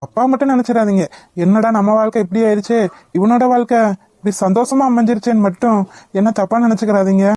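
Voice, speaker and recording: A woman voicing a gentle young village husband in a cartoon, polite, apologetic and reassuring. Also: on the high side, fairly even intonation, fast, dry recording, natural voice. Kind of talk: cartoon voice acting.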